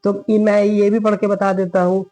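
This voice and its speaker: A man with a fairly high voice teaches a recitation lesson at a steady, patient pace. He keeps asking questions and answering them himself. For each example verse he slows into a long, drawn-out chant. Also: poor audio. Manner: patient, repetitive, asks and answers his own questions.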